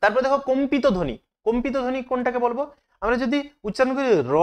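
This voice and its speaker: A man teaching an exam-prep lesson. He asks questions and then answers them himself. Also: very high-pitched.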